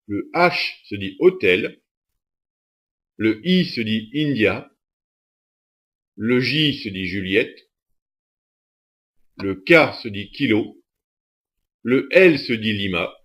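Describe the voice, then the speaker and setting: A man reading a scripted instructional narration in a steady, methodical way. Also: lowish voice, dull audio.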